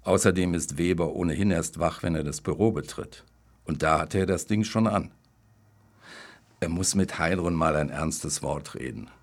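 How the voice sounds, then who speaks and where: A man with a very low, deep voice reads short humorous stories aloud. His delivery is dry and wry, steady scripted narration with an understated edge. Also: normal speed.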